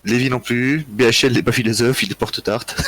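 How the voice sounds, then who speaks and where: A tired man hosting a live history quiz, reading out chat answers in a relaxed, joking way with frequent chuckles. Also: mid-range voice, unhurried, husky, no echo. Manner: relaxed, joking, chuckles often, thinks aloud. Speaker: quiz host.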